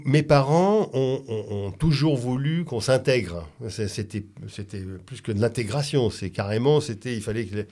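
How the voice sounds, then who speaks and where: A man born in France speaks as a radio guest, in a reflective way that often stalls and restarts mid-sentence. His pitch sits in the middle of the range. He keeps building his points with repeated words. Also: mellow. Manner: reflective, halting with many restarts. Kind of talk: conversational radio talk.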